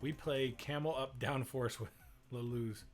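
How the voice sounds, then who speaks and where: A woman's voice: a bass voice, steady tone, a little slow, faint music behind. A woman co-hosting a live board game stream in easygoing casual chat, laughing and talking to viewers.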